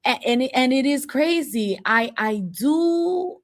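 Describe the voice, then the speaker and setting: A woman's voice: high voice, lively intonation, slow, very noisy. A woman in her forties co-hosting a podcast, chatting casually and giving firm, playful opinions. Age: 40s. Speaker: podcast co-host. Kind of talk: casual chat.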